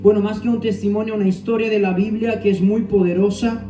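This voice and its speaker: A man in his thirties preaching a sermon with personal testimony, earnest, moving between soft asides and emphatic phrases. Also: high-pitched, fairly even intonation, fairly quick. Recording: echoey room, distant mic, dull sound, faint music.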